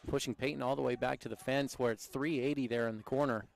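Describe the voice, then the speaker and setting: A man's voice: medium pitch, steady tone, fast talker, creaky. Chatty man giving baseball color commentary. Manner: chatty, teasing, breaks down hitting.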